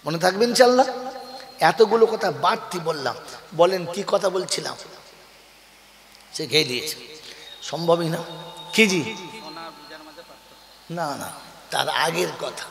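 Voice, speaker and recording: A man preaching a waz sermon with a high, ringing voice, heard through a public address system that sends long echoes around a big hall. He keeps throwing questions at the crowd, pushes them to answer louder, and slips into homely stories. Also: measured pace, vocal fry, long pauses. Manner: call-and-response, quizzing the crowd and urging them to answer loudly; storytelling with homely examples and a joking edge. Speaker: Islamic preacher. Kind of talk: Bengali waz sermon to a live gathering.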